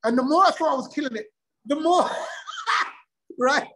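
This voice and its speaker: A middle-aged man telling his own story in a casual interview, lively and acting out quoted dialogue. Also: extremely high pitch, moderate pace, low-quality recording. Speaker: guest.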